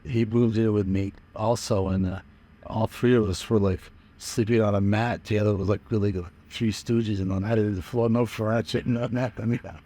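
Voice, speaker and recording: Older man from Massachusetts, low-voiced and mellow, rambling casual recollections. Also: steady tone, normal speed. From Manchester, Massachusetts. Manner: rambling, chuckling, lots of fillers. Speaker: musician interviewed about his early band days. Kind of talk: casual interview reminiscing.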